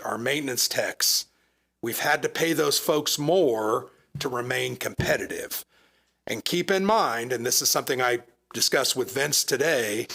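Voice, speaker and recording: A man serving as town manager, explaining matters earnestly at a council meeting, hoarse as he loses his voice. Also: medium pitch, fairly bright tone. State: losing his voice. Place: council chamber.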